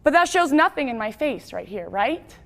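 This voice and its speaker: A young woman from Wyoming giving a personal testimony speech, talking fast and chatty. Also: high voice, big pitch swings. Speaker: speaker.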